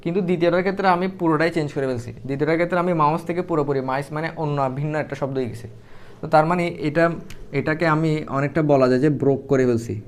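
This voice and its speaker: A man's voice: a little high, steady tone, rapid-fire, slight background noise. A young man teaching Arabic grammar in a casual, explanatory way, thinking aloud with fillers and restarts as he writes.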